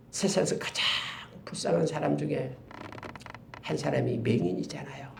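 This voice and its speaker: A male pastor preaching a sermon, moving between loud, stirring exclamations and hushed, whispered asides. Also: on the high side, vocal fry. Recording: roomy echo.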